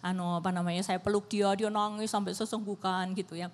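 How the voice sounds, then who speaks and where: A woman's voice: medium pitch, flat delivery, quick pace, in a large hall. A middle-aged woman speaking at a church family seminar, chatty and loose, with many fillers and restarts. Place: church hall.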